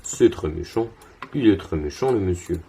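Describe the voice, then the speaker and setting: A man's voice: deep voice, lively intonation, moderate pace, gravelly, mellow, a little hiss or hum. A young man casually commenting on his card game as he plays, thinking aloud with lots of fillers and restarts, tired and yawning.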